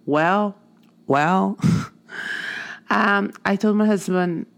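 A woman with a Portuguese accent, Portuguese being her first language, draws out her words in a creaky, medium-pitched voice. As an artist and art teacher, she recounts a personal story in an earnest, moving motivational talk.

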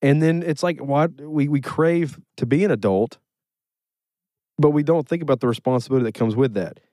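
A man's voice: fairly high pitch, normal speed, mellow, no echo. A man hosting a casual podcast chat, steering topics and asking the others questions. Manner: leads topics, asks questions. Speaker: podcast host.

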